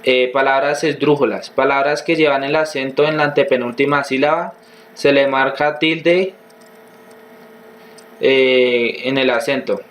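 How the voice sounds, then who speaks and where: Man reading grammar rules, measured. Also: medium pitch, fairly even intonation, fairly bright tone, slight background noise. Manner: reads steadily in a measured, list-like way, with fillers. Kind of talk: reading a grammar lesson aloud.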